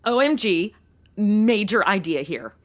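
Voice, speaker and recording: In a comedy audio drama, an actress plays the lead and narrator, a flippant, scatterbrained young modern woman who sounds glib and curious. Her medium-pitched voice is natural and animated, delivered at a measured pace, and she peppers her Valley-girl slang with "like" and OMG.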